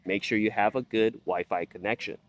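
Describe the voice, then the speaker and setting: A man's voice: lowish voice, steady tone, a little fast. A man giving an explanatory product review to viewers, repeating key points for emphasis. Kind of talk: product review talk to camera.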